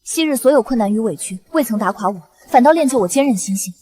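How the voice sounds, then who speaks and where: A woman's voice: a little high, expressive, fast, warm tone, breathy edge. A cold, resolute young noblewoman. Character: reborn young noble daughter, cool and determined. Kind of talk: short period drama acting.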